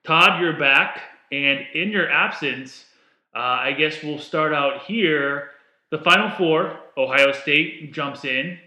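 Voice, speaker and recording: A man's voice: fairly high pitch, slow, pushed and bright. A man co-hosting a casual sports podcast, talking loosely and asking questions, recorded in an echoey studio office. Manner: loose, conversational, asks questions. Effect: echoey room sound. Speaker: podcast co-host. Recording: echoey room.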